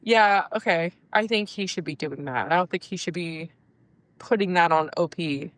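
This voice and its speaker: A woman's voice: fairly low pitch, moderate pace, no room sound. A woman in her twenties co-hosting a podcast, chatting casually and thinking aloud hesitantly. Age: 20s. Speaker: podcast co-host. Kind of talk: casual chat.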